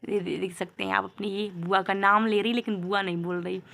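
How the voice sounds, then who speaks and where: A young woman filming at home, talking slowly to her toddler daughter and repeating simple words for her to copy. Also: mid-range voice, steady tone, creaky, fairly bright tone. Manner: slow, coaxing, repeating words for the child. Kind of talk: on-camera talk to a toddler. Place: home, indoors. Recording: phone video with noticeable background noise and clicks.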